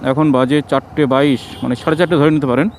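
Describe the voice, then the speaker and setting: A man narrates a casual travel vlog, his voice muffled and boomy through a face mask. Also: steady tone, quick pace. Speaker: travel vlogger. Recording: noisy outdoor road and vehicle sound.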